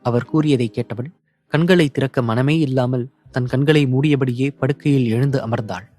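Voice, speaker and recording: Man narrating an audio novel evenly. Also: medium pitch. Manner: even, measured storytelling.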